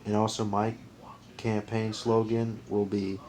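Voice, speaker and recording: A young man in his twenties with a somewhat low voice talks on in a loose, earnest monologue to camera. He rambles, trips over his own sentences and starts again. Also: little pitch movement, a little slow, a little mellow, low-quality recording. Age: 20s. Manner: rambling, earnest, restarts and counts aloud. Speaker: vlogger.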